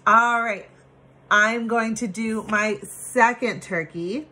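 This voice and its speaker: Bright-voiced upbeat woman presenting kids' crafts. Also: on the high side, takes it slowly. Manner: upbeat, addressing children as friends, with playful reveals. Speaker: children's library craft presenter. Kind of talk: casual craft demonstration for children. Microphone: phone at arm's length.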